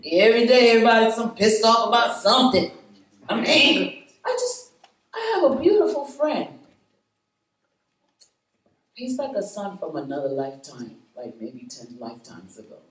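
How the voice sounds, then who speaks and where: A woman speaking to a live roundtable group, animated and preachy, laughing often and calling out to her audience. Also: a little high, moderate pace. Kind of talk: spirited talk to a live group. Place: meeting room with an audience. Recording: echoey room, voice from far off.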